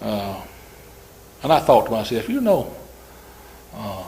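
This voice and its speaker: Loud and folksy, a man delivers an informal sermon to his congregation in a relaxed, conversational style packed with fillers. His voice is lowish and unhurried, with a little hiss or hum in the audio.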